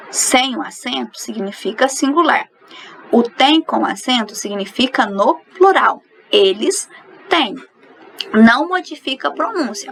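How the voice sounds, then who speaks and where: A woman's voice: on the high side, creaky, a bit bright, a little hiss or hum, low-quality recording. A woman teaching a recorded grammar lesson, explaining each rule and then asking and answering her own questions.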